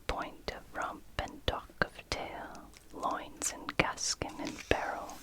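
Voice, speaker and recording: ASMR host for book read-through: library whisper, fully unvoiced, unhurried, gentle, short phrases with pauses. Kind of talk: whispered ASMR, reading and commenting on a picture book.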